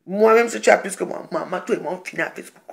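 Gravelly woman telling a rambling story. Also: lowish voice, fast talker. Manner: rambling, animated, full of restarts and asides. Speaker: social media personality. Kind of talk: casual storytelling on a live video.

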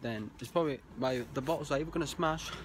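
A man's voice: mid-range voice, fast talker. A young man with a south Wales Valleys accent, rambling casually and slangily to his vlog on a handheld phone. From Caerphilly, south Wales. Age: young adult. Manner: slangy, with "bruv" and "like". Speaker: vlogger. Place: mostly outdoors on a street at night. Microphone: phone at arm's length. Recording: noisy handheld phone, traffic ambience.

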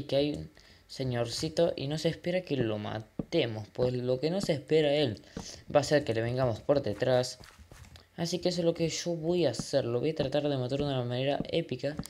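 A man giving casual gameplay commentary as a gaming channel host, excitable and jumping from mumbled asides to loud outbursts, sprinkling in English exclamations and swearing. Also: medium pitch, normal speed, a little hiss or hum.

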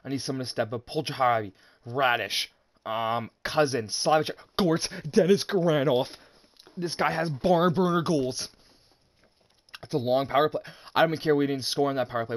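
A young man casually commenting on his own hockey video game, excitable, swearing and talking to viewers as "boys". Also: mid-range voice, no echo. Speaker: gaming YouTuber.

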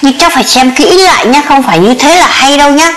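A woman's voice: high voice, lively intonation, quick pace, fairly bright tone, a little hiss or hum, rough recording. A woman playing a chatty old grandmother with a jealous husband, in a comic sketch, exclaiming and fussing in a sing-song Northern Vietnamese accent. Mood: scolding.

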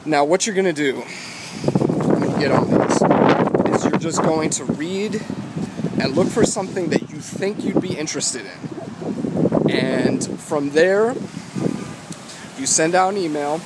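Strong wind and street traffic buffet the phone mic as a guitar vlogger in his 20s walks a city street, phone at arm's length and wired earbuds in. His fairly high voice delivers casual advice haltingly and with emphasis.

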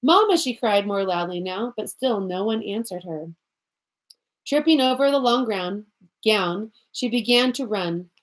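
A woman narrating a storybook in a measured, expressive amateur reading. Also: mid-range voice, rough recording. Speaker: audiobook reader.

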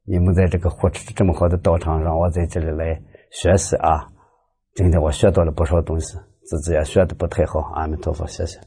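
A man's voice: low-pitched, flat delivery, fairly quick, mellow, husky. A man giving a storytelling Buddhist talk, animatedly acting out the dialogue of his stories. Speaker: lay Buddhist speaker.

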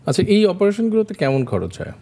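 A man's voice: high voice, sing-song, fast talker, warm tone. A man from Bangladesh hosting a studio health interview, introducing the guest formally and asking short questions. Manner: formal introduction, brief acknowledgements. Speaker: host.

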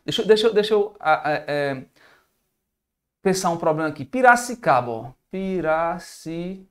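A man's voice: on the high side, fairly quick. A Brazilian man teaching a live math review, thinking aloud and answering viewer comments in an informal way. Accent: Brazilian Portuguese.

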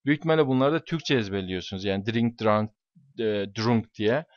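A man's voice: medium pitch, expressive, fast, dry recording, muffled recording. A man teaching English to his students, explaining exam questions and stressing points by repeating key words.

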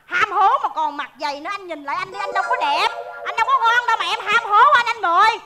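A woman playing a café owner in a comedy sketch, scolding loudly and sounding exasperated. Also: very high voice, quick pace, heavy background noise.

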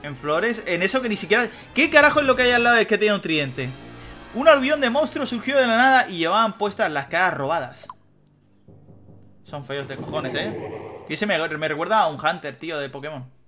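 High, bright young man gaming. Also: lively intonation, a little fast. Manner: joking, swears casually, reads game text aloud. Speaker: gaming YouTuber. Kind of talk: let's play commentary. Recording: faint game music behind.

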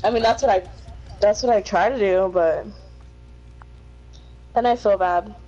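A woman playing a game with friends, excitable and teasing, laughing often as she chats. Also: mid-range voice, unhurried, highs cut off, soft background music. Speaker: fellow player. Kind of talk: casual gameplay chat.

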